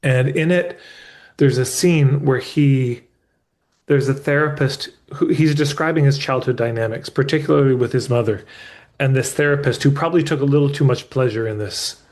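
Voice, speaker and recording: A man's voice: mid-range voice, normal speed, a little mellow. Candid male coach in live session. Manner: candid, emphatic, with casual swearing; restarts mid-thought as he explains. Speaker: business coach.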